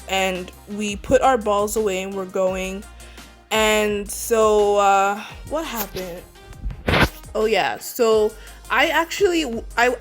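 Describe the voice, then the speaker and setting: A young woman, a beauty vlogger, telling a story in a casual, rambling way, filling it with "like" and restarts. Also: mid-range voice. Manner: rambling, heavy use of 'like', many restarts. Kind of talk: casual storytime while doing makeup.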